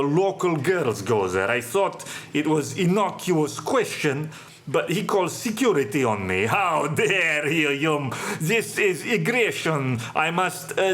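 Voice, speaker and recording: A man delivers solo monologue commentary in a fairly high voice. His speech is halting and full of "uh" fillers, and he often drops his articles. His tone stays sardonic and pronouncing. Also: fairly bright tone. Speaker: podcast host.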